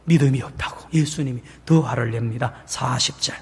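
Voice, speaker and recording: A male pastor preaching a sermon in a church, animated, acting out quotes and asking the congregation questions. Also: medium pitch, a little fast, gravelly, breathy edge. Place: large church sanctuary. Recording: long church reverb.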